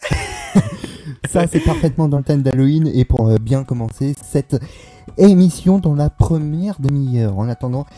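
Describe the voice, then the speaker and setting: A man's voice: on the high side, wildly swooping pitch, measured pace, warm tone, soft background music. A man co-hosting a live radio show, introducing songs in a casual, hesitant way with many fillers. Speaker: radio co-host.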